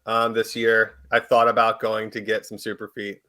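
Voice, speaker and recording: A man co-hosting a podcast, talking in a relaxed, hesitant way with many fillers. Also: fairly low pitch, moderate pace. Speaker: podcast co-host. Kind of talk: casual chat.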